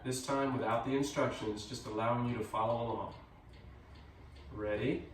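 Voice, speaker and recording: A man giving calm, measured step-by-step movement cues as a tai chi instructor. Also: medium pitch. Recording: echoey room, distant mic, faint noise.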